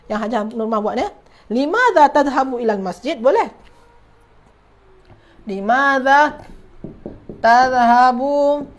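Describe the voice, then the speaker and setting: A woman with a Malaysian Malay accent teaching an Arabic class online, saying example phrases slowly and repeating them while quizzing her students. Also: on the high side.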